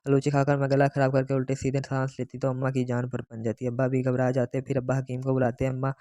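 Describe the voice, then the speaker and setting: A man reading an audiobook aloud, narrating a first-person story in a steady manner. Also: medium pitch, quick pace, no room sound. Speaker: audiobook reader.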